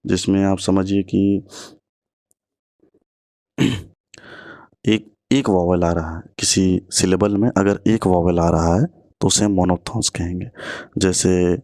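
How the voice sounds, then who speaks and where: Deliberate male exam-prep teacher. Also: low-pitched, steady tone, darkish tone, dry recording, studio quality. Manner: reads English questions slowly, then explains quickly in Hindi. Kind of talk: online exam-prep lesson.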